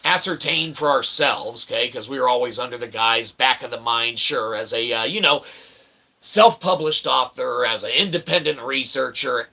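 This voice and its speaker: Over poor audio, a vlogger and self-published author rambles through a comic monologue full of convoluted, mock-intellectual phrasing and frequent "okay"s and "eh"s. His medium-pitched voice is gravelly, husky and bright, with a forceful tone.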